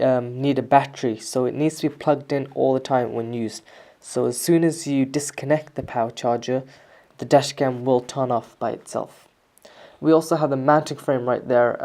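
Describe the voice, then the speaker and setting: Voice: medium pitch, creaky, mellow. A person giving a casual, explanatory product review, talking through features step by step in an informal way. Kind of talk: casual scripted-sounding product review narration.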